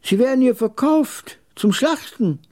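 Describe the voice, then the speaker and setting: Man doing a high raspy old camel dealer, haughty, scornful, curt, radio story. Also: expressive, unhurried, mellow. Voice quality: jagged, raspy voice.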